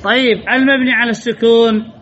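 A man's voice: very high voice, fairly even intonation, fairly quick, fairly bright tone, lo-fi sound, a little hiss or hum. A man teaching grammar to a class, quizzing his students and repeating the key points. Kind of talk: classroom lesson with student questions.

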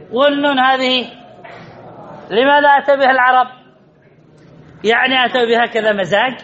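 A man's voice: very high-pitched, sharp tone. A man teaching a grammar lesson to a class, drilling points over and over and calling on students by name with teasing remarks. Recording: dull lo-fi recording.

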